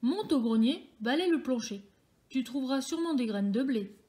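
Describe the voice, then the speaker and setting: A woman's voice: high-pitched, animated, normal speed, warm tone. A woman voicing a hungry old man who gives plain orders, in her own voice. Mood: bossy.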